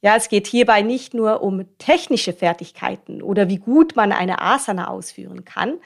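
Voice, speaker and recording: A woman's voice: mid-range voice, moderate pace, gravelly. A woman hosting a podcast, explaining things directly to her listeners. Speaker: podcast host.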